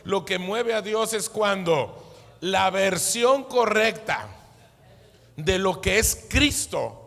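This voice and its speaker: High-voiced pastor preaching slowly. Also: male voice, expressive, vocal fry, a bit bright, big-room sound. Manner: emphatic preaching, asks questions and answers them himself. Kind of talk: sermon.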